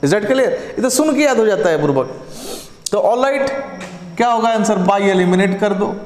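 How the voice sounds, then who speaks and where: Male grammar teacher, high voice, deliberate pacing, echoey room with a long tail. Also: animated, darkish tone, slight background noise. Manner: explains step by step and keeps asking "Is that clear?"; speaks slowly and deliberately, dictating. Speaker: English teacher. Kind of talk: exam prep lesson explaining grammar answers.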